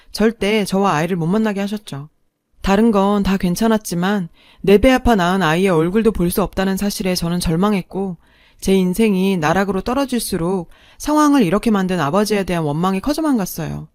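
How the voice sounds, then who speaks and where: A woman narrating a first-person story in a steady, sorrowful way. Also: medium pitch, no echo, studio quality.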